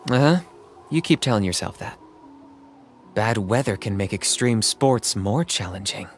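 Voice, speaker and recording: An actor playing an aloof, pragmatic young hunter in a video game, speaking in a calm, reserved, matter-of-fact and dryly sardonic way. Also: male voice, fairly low pitch, measured pace, faint music behind. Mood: dry, unimpressed. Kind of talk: video game character voice acting.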